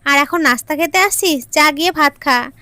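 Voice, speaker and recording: A sharp-tongued mother scolding her lazy daughter with sarcasm, as a woman narrator puts her on. The voice is raised, high and loud. The recording is dry, with nothing behind it. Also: moderate pace, no echo. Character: scolding middle-aged mother.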